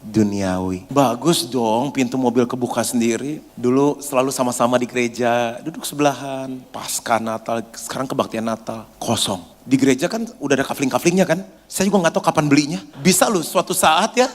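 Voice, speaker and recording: A man's voice: medium pitch, fairly quick, hardly any pauses, big-room sound. A man preaching a sermon as a pastor, telling funny anecdotes with slangy asides.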